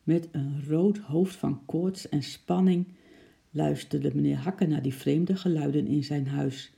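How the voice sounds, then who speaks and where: A man reading a children's story aloud, lively and acting out the noises. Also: fairly high pitch, takes it slowly, creaky. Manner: lively, acts out sound effects.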